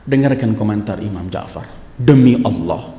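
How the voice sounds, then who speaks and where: A male religious teacher giving a sermon and telling a story, acting out its dialogue and swinging between loud and hushed delivery. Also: lowish voice, moderate pace, echoey room, long reverb tail.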